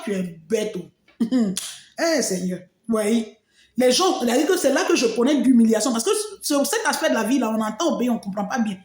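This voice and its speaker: A woman gives an emotional personal testimony, her fairly high, slightly mellow voice swinging widely in pitch as she tells her story with frequent exclamations. The sound is roomy, with a noticeable echo.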